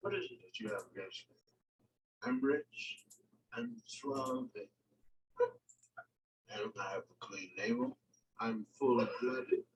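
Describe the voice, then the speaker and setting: An actor playing a brash, suave man who talks fast and flirts persistently. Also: medium pitch, huge pitch swings, distant mic, slight background noise, exaggerated voice, low-quality recording. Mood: flirty. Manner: fast-talking, persistent, joking. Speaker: film character.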